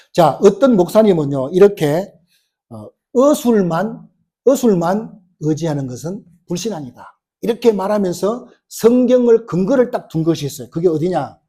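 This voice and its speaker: A man preaching in a church with a high, husky voice. His tone is dark and mellow. He tells the story with lively questions to the congregation and acts out each quoted line. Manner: storytelling with rhetorical questions, acting out quoted lines. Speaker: pastor. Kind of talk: sermon. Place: church sanctuary.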